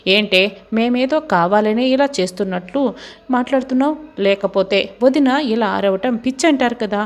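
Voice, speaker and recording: A woman's voice: on the high side, close to an everyday voice. Woman voicing a sneering scheming wife. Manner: taunting, quick retorts. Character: scheming haughty young wife, sharp-tongued. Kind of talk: quoted dialogue in a serial recap.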